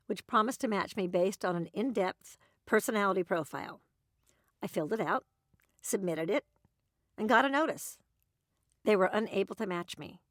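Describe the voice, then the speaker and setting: A woman's voice: medium pitch, a bit bright, dry recording. A woman narrating her own documentary in a wry, dry storytelling manner.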